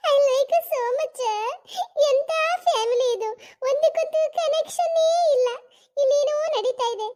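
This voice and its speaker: A cheeky young cartoon bride, full of mischief and teasing. She talks in a sing-song way, very high and squeaky. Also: measured pace, heavy background noise.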